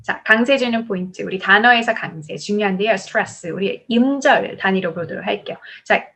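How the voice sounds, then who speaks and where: A Korean woman gives an English exam-prep lesson with a somewhat husky voice. She talks her students through the material in Korean. She reads the English example sentences slowly and with care. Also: mid-range voice, fairly bright tone. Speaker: English test tutor.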